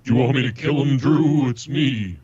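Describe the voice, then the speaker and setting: A man caller talking through a voice changer, making mock-menacing, deadpan offers in joking call-in banter. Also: medium pitch, moderate pace, dull audio.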